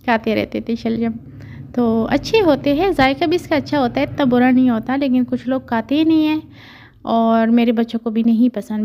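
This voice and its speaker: A woman's voice: high-pitched, dull audio. A woman in her thirties with a Pakistani Urdu accent, chatting casually through her household chores as a family vlogger, rambling with many fillers.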